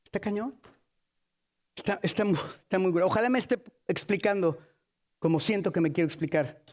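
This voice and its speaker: A man with a Mexican accent preaching a sermon in an animated, colloquial, joking manner. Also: high-pitched, fairly quick.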